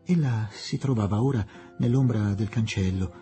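A man reading an audiobook as narrator, telling the story in a measured, expressive way. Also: fairly low pitch, soft background music. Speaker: audiobook reader. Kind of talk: scripted narration.

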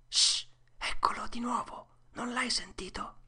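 A storyteller voicing a nervous young boy trying to sound brave, in whispered role-play with a hushed, reassuring whisper. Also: mid-range voice, slow, gravelly, slightly rough, pitched above the performer's own voice, full character voice. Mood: tense.

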